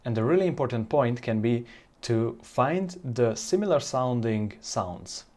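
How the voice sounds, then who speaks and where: Searching for his phrases and pausing haltingly, a Hungarian man with a Hungarian accent leads a casual language lesson. Hungarian is his native language. His mid-range voice is a little mellow, with lively intonation.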